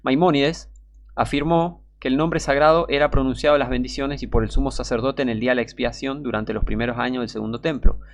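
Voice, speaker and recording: A man's voice: medium pitch, fairly even intonation, fast, slight background noise. Fiery Rioplatense preacher man. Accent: Rioplatense Spanish. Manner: fiery, scornful, emphatic warnings. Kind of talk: sermon reading and commentary.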